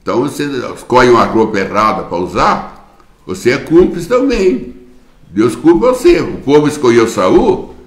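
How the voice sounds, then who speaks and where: A man's voice: medium pitch, big pitch swings, normal speed, reverberant. A man with a Brazilian Portuguese accent preaching a sermon in church, repeating phrases for emphasis and calling his listeners brother. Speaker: pastor.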